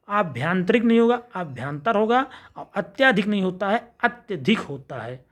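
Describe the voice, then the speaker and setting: A woman teaching an exam spelling lesson, reading each wrong form with stress and then giving the correct one in a lower voice. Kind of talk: spelling lesson, word-by-word drill.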